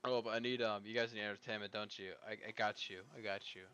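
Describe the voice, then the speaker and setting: A man live-streaming a game, talking to his chat in a rambling, profane, excitable way. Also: on the low side, fast talker, smooth.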